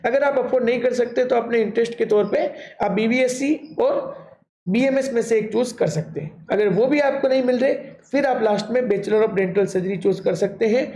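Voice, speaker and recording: A man's voice: very high-pitched, normal speed, dark tone, slight background noise. Guy explaining stuff to students, keeps saying "theek hai", sounds echoey. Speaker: admissions guidance channel host. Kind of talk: informal explainer. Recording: echoey room.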